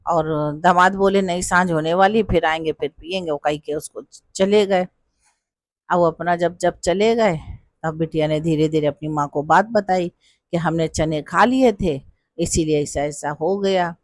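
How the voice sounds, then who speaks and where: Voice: medium pitch, a little slow, dry recording. Homely rustic storyteller, dry sound. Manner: homely, rustic, with village dialect words. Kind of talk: devotional folk tale narration.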